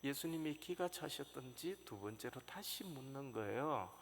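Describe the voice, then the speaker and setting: A male pastor preaching a sermon in a church sanctuary, telling the story with sudden loud rises and hushed drops. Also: medium pitch, lively intonation, normal speed. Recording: reverberant church hall, faint noise.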